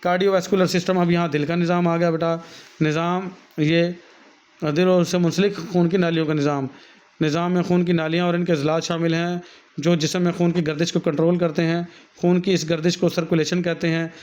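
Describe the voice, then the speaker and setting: A male teacher with a Pakistani Urdu accent reads from a textbook, then stops to explain each point in his own words. His voice sits a little high. The recording sounds dull and lo-fi. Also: little pitch movement, fairly quick, smooth. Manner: reads a passage, then explains it warmly to students, calling them "beta".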